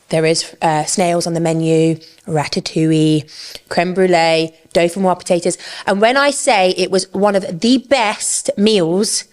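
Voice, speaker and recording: Girl chatting on a pod, swears a bit, mouth half full, mid voice. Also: mid-range voice. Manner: chatty, swears casually, talks while eating. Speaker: podcast co-host. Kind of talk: casual chat.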